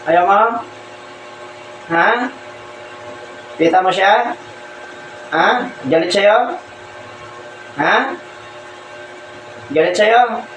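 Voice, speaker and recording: A man's voice: high voice, extremely slow, pauses often. A man acting as a folk healer who questions someone during a healing ritual, repeating short demanding questions again and again. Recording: echoey, distant, with loud ambient noise.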